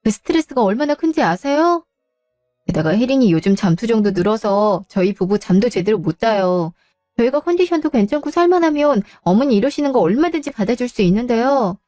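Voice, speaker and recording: A sweetly condescending young daughter-in-law, as a woman puts her on for a radio drama. Her talk is polite but has a needling edge, and her voice sits fairly high with a dark, mellow tone. The sound is dry. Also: big pitch swings, brisk, no room sound, faint music behind. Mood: pleading.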